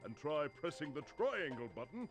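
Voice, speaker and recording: A kindly dragon elder giving hints. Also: male voice, a little high, sing-song, normal speed. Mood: encouraging. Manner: kindly, instructive. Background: game music.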